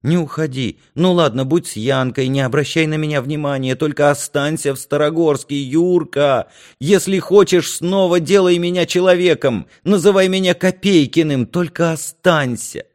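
A man doing a desperate teenage boy in a spoken storybook, his voice rising high and urgent as he pleads. The delivery swings widely in pitch. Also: lively intonation, a little slow, few pauses, darkish tone, natural voice. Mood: pleading.

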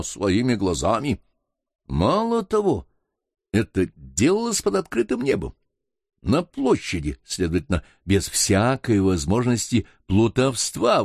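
A worldly middle-aged doctor, read by a male audiobook narrator, explaining in a slow, measured lecturing way. His pitch moves with lively emphasis, and the recording is dry. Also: no room sound, full character voice.

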